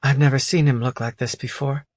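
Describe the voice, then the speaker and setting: A man puts on a caring young woman for an audiobook. She speaks gently and patiently, her voice lifted clearly higher, with a dry, close sound. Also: fairly even intonation, a little fast, dry recording, lightly acted. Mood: concerned.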